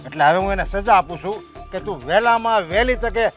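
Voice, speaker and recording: A high-voiced, domineering village headman. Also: fast, a bit bright, soft background music. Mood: stern. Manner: stern, commanding, pronounces sentences. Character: proud domineering middle-aged male village headman. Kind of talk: village family stage drama.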